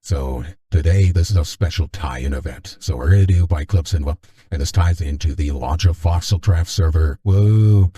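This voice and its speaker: Very deep, dark-voiced male streamer. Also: normal speed. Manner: rambling, joking, many restarts. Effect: deepened voice changer. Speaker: stream host. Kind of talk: casual stream chat.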